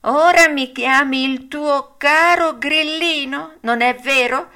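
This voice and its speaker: A woman's voice: high voice, slow, bright, forceful tone, voice pushed up, full character voice. A woman voicing a small, wise talking cricket with a tiny little voice. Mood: knowing.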